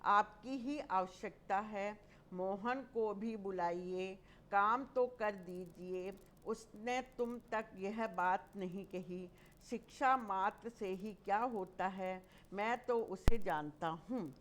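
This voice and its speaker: A woman teaching a school grammar class at an unhurried, deliberate pace. She explains each term and then goes back over her examples one by one. Her pitch sits in an ordinary middle range.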